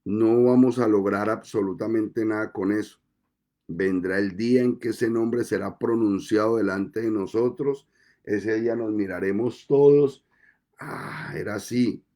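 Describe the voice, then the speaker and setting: A male pastor delivers his sermon at an unhurried, deliberate pace. His voice is mellow and dark-toned, and he lets pauses settle between phrases. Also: on the low side, steady tone. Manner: slow, deliberate preaching with measured pauses.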